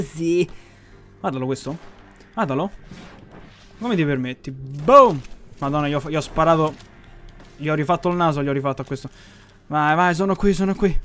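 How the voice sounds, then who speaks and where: A young man giving casual, excitable commentary while playing a video game, swearing and taunting as he goes. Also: a little high, clean tone. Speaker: gaming channel host.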